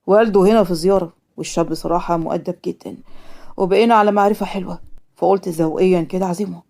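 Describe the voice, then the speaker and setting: A woman voicing a caring middle-aged father who speaks calmly and affectionately with an Egyptian accent in a cartoon story. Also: on the low side, very fast, gravelly, voice pushed down.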